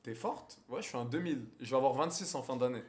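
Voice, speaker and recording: A man's voice: medium pitch, animated, fast talker, a little mellow. A man, chatting crudely on a live stream and teasing strangers on video calls. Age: 20s. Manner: crude, slangy, teasing, swears often.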